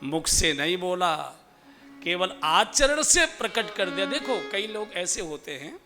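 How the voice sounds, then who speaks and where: A man's voice: high-pitched, very animated, unhurried, sharp tone, soft background music. A man preaching a devotional sermon, stretching his phrases in a sing-song way.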